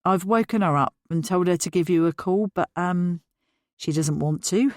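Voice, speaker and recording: Woman doing a calm polite dad, slow, lots of ums, low dry voice. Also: no echo, natural voice. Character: calm middle-aged father, polite and apologetic.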